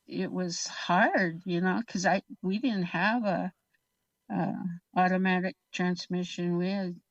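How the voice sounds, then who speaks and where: A woman's voice: fairly low pitch, no room sound. Laughing woman telling a story. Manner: laughing anecdotes, acts out quoted dialogue. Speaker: guest actress. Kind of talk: storytelling interview. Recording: distant, dull lo-fi sound.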